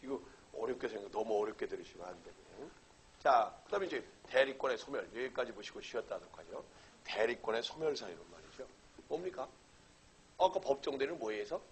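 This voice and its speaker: A man's voice: medium pitch, slight background noise, rough recording. Man quizzing his class in a lecture. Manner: poses questions and answers them himself, checks understanding often. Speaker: law lecturer. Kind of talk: exam-prep lecture.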